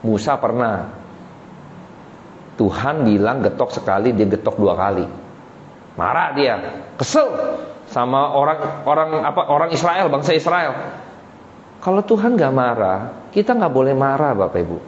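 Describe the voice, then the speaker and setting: A man's voice: medium pitch, expressive, moderate pace, pauses often, a little hiss or hum. Casual, chatty male preacher in a hall. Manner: casual, chatty, addresses the congregation directly. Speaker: pastor. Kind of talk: sermon. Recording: roomy dull hall sound with faint ambience.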